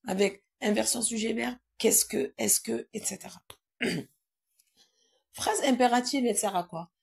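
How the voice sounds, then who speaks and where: Woman teacher in a classroom, kinda husky and gravelly, fairly high voice, keeps quizzing the kids. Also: measured pace, a little mellow. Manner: asks pupils questions and repeats the answers. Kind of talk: grammar lesson for pupils.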